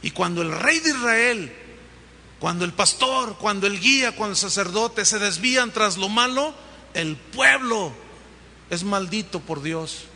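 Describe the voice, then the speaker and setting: A man preaching a sermon, animated and asking the congregation questions. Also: high-pitched, unhurried, big-room sound. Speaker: pastor.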